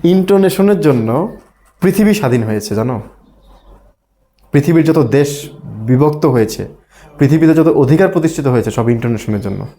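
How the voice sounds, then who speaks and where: A man's voice: medium pitch, animated, moderate pace, long pauses, mellow. A middle-aged man from Bangladesh, an ESL teacher lecturing a class, often asking the students questions and acting out tones of voice.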